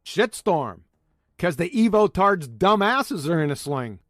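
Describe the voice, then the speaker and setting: A man's voice: sits high, very animated, unhurried, fairly bright tone, dry recording, studio quality. A man giving mocking commentary on clips in a smug, sarcastic manner. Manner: smug, sarcastic mockery with name-calling. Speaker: video commentator.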